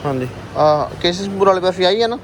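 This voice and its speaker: A man's voice: sits high, lively intonation, quick pace. A man, a new father, chatting casually to the camera for his family vlog. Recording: noisy recording.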